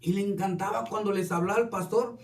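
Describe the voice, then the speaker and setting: A man's voice: high voice, fairly even intonation, brisk, vocal fry, slight background noise. A man preaching a sermon as pastor, telling stories with quoted dialogue. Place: church hall. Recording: echoey hall, distant mic.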